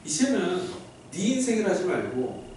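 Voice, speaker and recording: A man's voice: high-pitched, normal speed. A male pastor giving a sermon, putting questions to the crowd and acting out the lines he quotes. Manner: animated preaching, acts out God's voice and asks the crowd questions. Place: large echoey church hall. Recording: echoey hall from far off, faint noise.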